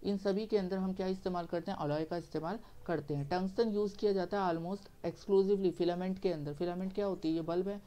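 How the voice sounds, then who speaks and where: A man's voice: sits high, fairly even intonation, fairly quick, hardly any pauses, dark tone. A male science teacher giving a classroom lecture, working through each step and answering his own questions as he goes. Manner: repeats "theek hai" to check understanding.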